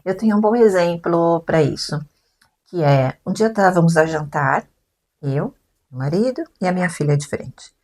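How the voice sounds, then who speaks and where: Woman, podcast co-host, animated storyteller doing the voices of her family. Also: lowish voice, normal speed. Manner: animated storyteller who acts out family dialogue. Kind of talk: casual conversation. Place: lives in Portugal.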